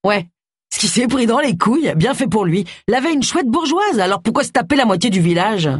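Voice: medium pitch, sing-song, brisk, breathy edge, no room sound, clean studio sound, pitched above the performer's own voice. The audiobook narrator voicing a coarse, hostile village blacksmith with a raised, harsh, snapping delivery. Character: gruff hulking village blacksmith man, hostile. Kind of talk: audiobook character voice.

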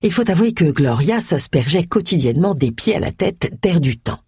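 A woman narrates an audiobook in a wry, lively storytelling voice. Her voice is husky and lowish, moving widely in tone. The recording is dry and close. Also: normal speed, no echo. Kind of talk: scripted narration.

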